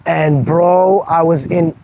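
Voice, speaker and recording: Higher-voiced young man, earnest vlog talk. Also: fairly even intonation, takes it slowly, dark tone. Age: 20s. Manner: earnest, motivational, swearing casually. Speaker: vlogger, amateur runner.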